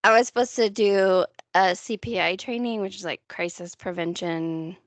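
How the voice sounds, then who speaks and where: A woman who is a parent, co-hosting a podcast in casual chat, relaxed and often trailing off with a laugh. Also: mid-range voice, moderate pace, no echo. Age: adult, parent of a school child. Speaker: podcast co-host.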